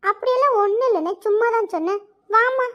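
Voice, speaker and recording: A woman's voice: very high voice, fast, a bit bright, lo-fi sound. A woman voicing a teasing, whiny teenage daughter in a cartoon. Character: sulky teenage daughter Aishu.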